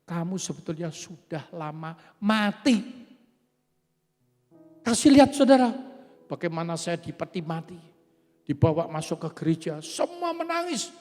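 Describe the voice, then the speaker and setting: A man's voice: fairly high pitch, big pitch swings, unhurried, pauses often, a little mellow. A man in his seventies preaching a sermon, giving testimony and often calling out to the congregation. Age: 70s. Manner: emphatic, often addresses the congregation directly. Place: church hall. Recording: echoey church hall with faint music.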